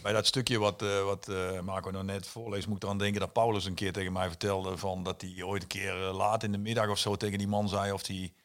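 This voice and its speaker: A man, co-hosting a football talk show, telling a story in a halting way. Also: sits low, little pitch movement. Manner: halting, searches for words. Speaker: co-host. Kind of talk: casual chat.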